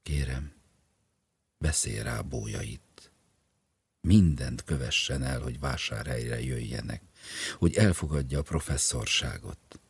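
A man's voice: very deep voice, gravelly, husky, dry recording, exaggerated voice. A man reading the lines of a polite, puzzled male professor who speaks earnestly, in an audiobook.

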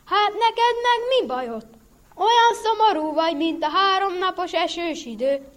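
A woman's voice: extremely high pitch, animated, voice pushed up. A woman voicing a jolly, boastful male bear in a read-aloud animal tale. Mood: hearty. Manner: hearty, boastful, laughing at others. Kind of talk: storybook reading.

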